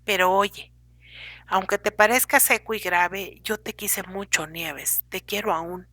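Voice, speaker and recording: A woman's voice: medium pitch, bright, forceful tone, no echo. A woman voicing an ailing older husband who scolds and pleads with his young wife, in an audiobook reading. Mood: pleading. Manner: lecturing, complaining, pleading.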